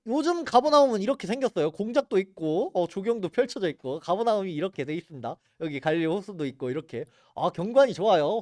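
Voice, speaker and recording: A man's voice: high voice, a little mellow, no echo, studio quality. A man teaching a church Bible geography class in an earnest, explanatory way. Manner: earnest, explanatory, points at maps and photos.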